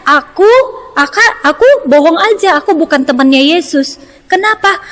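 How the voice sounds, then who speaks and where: Lively woman preaching to children. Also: high voice. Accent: Indonesian, from Medan. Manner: lively, asks children questions, frequent "ya". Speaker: Sunday school teacher. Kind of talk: children's sermon. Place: church service streamed online. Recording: roomy, long reverb.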